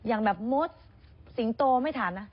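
A woman's voice: on the high side, expressive, moderate pace, highs cut off. A woman co-hosting a casual news show, chatting and speaking straight to the viewers. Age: adult with a child. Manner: chatty, addresses viewers directly.

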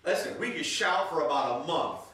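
A man's voice: on the high side, animated, brisk, a bit bright. A man preaching a sermon as pastor, reading scripture aloud and calling out to his congregation in a church. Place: church sanctuary. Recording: echoey church room, voice from a distance.

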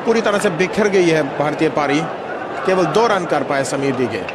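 A man giving excited play-by-play cricket commentary over a match broadcast. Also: on the high side, normal speed. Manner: excited play-by-play, praising shots. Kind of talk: Hindi sports commentary. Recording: loud stadium crowd and broadcast noise. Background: cheering stadium crowd.

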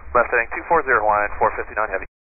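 Male airline pilot on a headset radio link, low voice, quick clipped calls, tinny phone-like sound, faint hiss. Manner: terse aviation phraseology with hesitant fillers. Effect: pilot's headset radio transmission. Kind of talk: cockpit radio calls to air traffic control.

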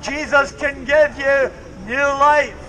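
Some chatter and a little hiss or hum accompany an older man preaching in a market square, his extremely high voice sharp, steady and slow. He preaches fervently and repetitively through a handheld mic and speaker, recorded outdoors by a distant camera.

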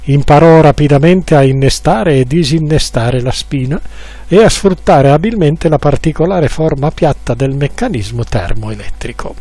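A man's voice: fairly high pitch, lively intonation, normal speed, dark tone, no echo. A man narrating a humorous literary story with dry irony, now and then acting out the quoted lines.

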